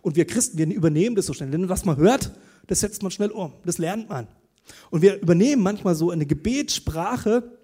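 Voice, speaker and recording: Husky, high-voiced male preacher. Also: moderate pace. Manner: conversational, animated storytelling with tag questions. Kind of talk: sermon.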